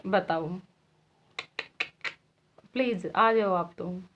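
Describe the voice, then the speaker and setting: A woman's voice: lowish voice, extremely slow, background noise. Chatty village vlogger woman, lo-fi. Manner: chatty, laughs often. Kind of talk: casual chat to viewers. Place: village home. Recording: dull lo-fi sound.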